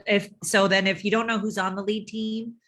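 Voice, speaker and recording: A woman's voice: mid-range voice, level tone, moderate pace, fairly bright tone. Woman pastor chatting, mid voice that pops up on key words. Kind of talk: casual chat.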